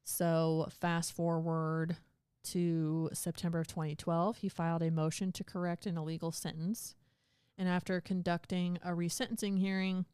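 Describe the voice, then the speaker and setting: A woman's voice: lowish voice, darkish tone, smooth, no room sound, studio quality. A woman co-hosting a podcast, chatting casually and retelling a legal case in plain words. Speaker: podcast co-host. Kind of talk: casual chat.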